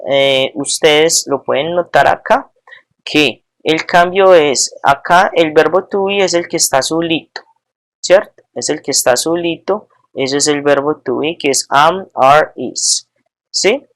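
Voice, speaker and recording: A teacher giving a recorded lesson, patiently explaining each form step by step and often checking with the class. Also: mid-range voice. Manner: patient, checks understanding with frequent tag questions; spells out each form slowly and repeats it.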